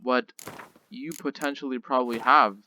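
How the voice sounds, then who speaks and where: A man with a bright voice talks casually over gameplay, rambling through fillers and restarts. His commentary carries a mildly sarcastic edge. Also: medium pitch, fairly even intonation, moderate pace, slight background noise. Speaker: gaming channel host.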